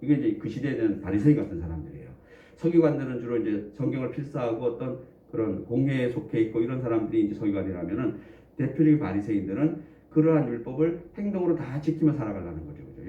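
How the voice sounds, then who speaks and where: A man's voice: medium pitch, big pitch swings, fast. A man preaching a sermon in a conversational way, often putting questions to the congregation and joking between points. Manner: jokes and chuckles between points. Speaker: pastor. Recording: echoey room, distant dull mic.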